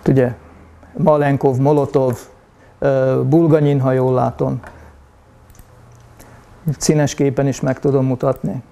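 Hesitant male history lecturer, mellow tone. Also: medium pitch, flat delivery, gravelly, pauses often. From Hungary. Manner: hesitant, frequent filler sounds; addresses audience formally. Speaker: university lecturer.

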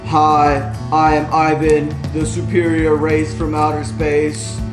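Brief: man playing a pompous outer-space alien, slow, a touch high, echoey kitchen with music behind. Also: completely flat delivery. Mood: grandiose.

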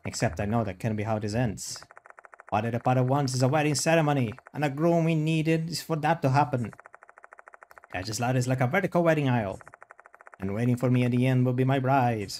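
A man's voice: medium pitch, brisk, darkish tone, slight background noise. A man streaming a game, reading its text aloud and adding casual commentary.

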